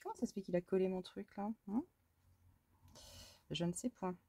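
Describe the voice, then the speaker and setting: A woman's voice: mid-range voice, normal speed, vocal fry, dark tone, no room sound. A woman from France chatting casually as she works on a scrapbook, muttering to herself, exclaiming at small mishaps and talking fondly to her cat. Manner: talks fondly to her cat between steps. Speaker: scrapbooking crafter. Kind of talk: casual crafting vlog chat.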